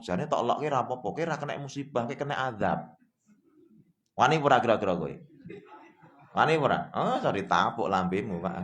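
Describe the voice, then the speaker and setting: A man with a Javanese accent giving a sermon in a mosque, folksy and animated, often addressing listeners directly. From Indonesia. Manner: folksy, addresses the audience as "Pak" constantly, mixes Javanese and Indonesian; lively swings in pitch and loudness, mocking asides. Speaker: preacher.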